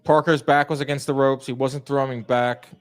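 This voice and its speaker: A man's voice: mid-range voice, flat delivery, normal speed. Chatty man hosting a fight stream. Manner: chatty, opinionated, talks to chat viewers. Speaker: boxing livestream host. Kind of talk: casual live fight commentary.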